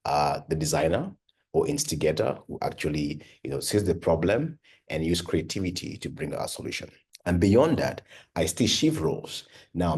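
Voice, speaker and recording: Speaking at an extremely low pitch, a young adult man from Cameroon shares his story for an online course, his voice a little mellow and slightly rough. He founded a device company and is a PhD researcher, and his delivery is earnest and chatty, full of "you know" and "uh."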